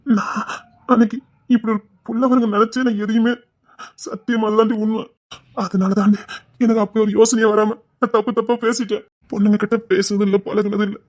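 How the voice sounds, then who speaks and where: A man with a Tirunelveli accent playing a remorseful young husband, pleading in a hushed, tearful voice. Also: high-pitched, level tone, a little fast, close to an everyday voice. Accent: Tirunelveli Tamil. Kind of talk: web drama acting.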